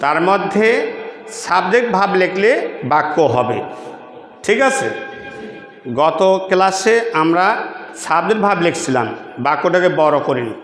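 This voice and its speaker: A man leads an English pronunciation lesson, saying phrases slowly and checking in with his students. His voice sits fairly high. The recording has a roomy echo with a long tail. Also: expressive, fairly bright tone. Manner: drills pronunciation slowly, asks students to repeat; checks in often with rhetorical questions. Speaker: English teacher. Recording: echoey room with long reverb.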